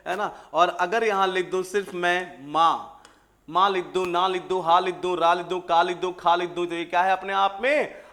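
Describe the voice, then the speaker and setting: A male teacher giving an exam-prep grammar lesson, asking the class the same questions over and over and stretching out key words. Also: high voice. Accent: Hindi. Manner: repetitive call-and-response questioning, addresses students as "beta"; drawn-out stressed words with sudden loud and soft swings.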